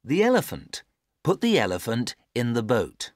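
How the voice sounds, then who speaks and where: A actress as a patient instructor with a very low voice and hugely varied intonation. She speaks careful, stilted textbook dialogue in a dry studio sound. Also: wildly swooping pitch, moderate pace, darkish tone, dry recording, exaggerated voice. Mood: patient, instructive. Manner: careful, over-clear instructing. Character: patient adult giving simple picture instructions.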